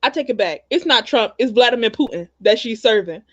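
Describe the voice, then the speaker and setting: Brief: woman host, high voice, animated and defensive, on muffled lo-fi call audio. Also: a little fast. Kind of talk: casual chat.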